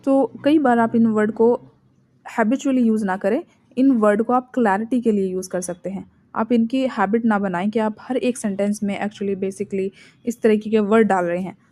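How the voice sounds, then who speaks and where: A woman with an Indian accent teaching spoken English in Hindi, reading English example sentences slowly and deliberately. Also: medium pitch, fairly even intonation, warm tone.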